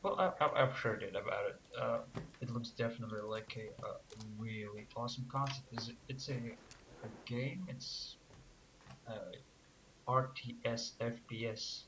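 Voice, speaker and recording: A man in relaxed gaming chat who teases his co-host and agrees easily. His voice sits at mid pitch over a clear layer of background noise. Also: moderate pace, low-quality recording.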